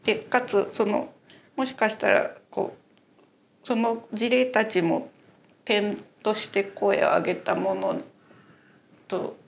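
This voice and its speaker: A woman's voice: mid-range voice, takes it slowly, creaky, long pauses, slight background noise. A woman guest in a casual interview, explaining her exhibition work in a thoughtful, hesitant way.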